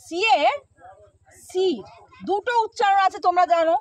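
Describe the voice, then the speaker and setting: A very high, light-voiced woman teaching a pronunciation lesson. She repeats each sound slowly and keeps asking her pupils to answer back. Her manner stays patient and coaxing.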